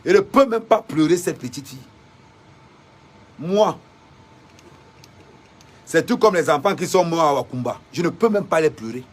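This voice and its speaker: A woman's voice: low voice, lively intonation, normal speed, pauses often. A woman from Cameroon, delivering a defiant, fiery political rant to viewers, repeating rhetorical questions.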